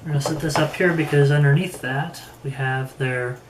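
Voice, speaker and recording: In a casual gear review, a man speaks in a level, even voice of middling pitch, unhurried and halting as he works through his thoughts aloud. The room echoes, and faint background noise can be heard.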